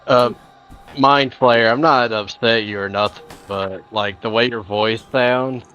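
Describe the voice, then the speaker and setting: A man's voice: medium pitch, steady tone, unhurried, sharp tone, clean tone, highs cut off, faint music behind. A man in a casual voice-call chat, asking blunt questions in a rambling, hesitant way.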